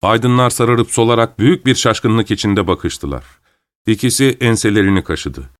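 A man narrating a classic short story in an even, measured reading. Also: lowish voice, no echo.

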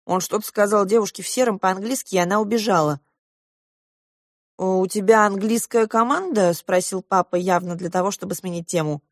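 A woman narrating a children's story in the first person, calm and steady. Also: on the low side, fast, hardly any pauses, no room sound, clean studio sound. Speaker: audiobook reader.

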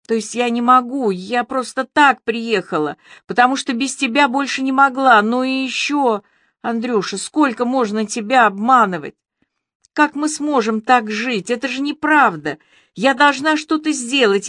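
A woman voicing a distraught young pregnant woman who pleads in a high, breathless voice. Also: fairly bright tone, no echo, clean studio sound.

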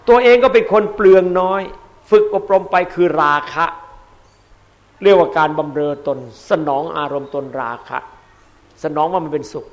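A man, a Buddhist monk, giving a dharma sermon in an emphatic way, repeating key words and swinging between loud and soft. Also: high-pitched, animated, moderate pace.

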